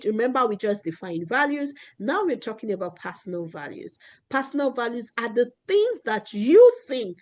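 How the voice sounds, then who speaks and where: A woman with a fairly high voice is teaching a children's class about values. She repeats each key idea and keeps checking in with "right?" and "okay?". She also puts questions to the class and answers them herself.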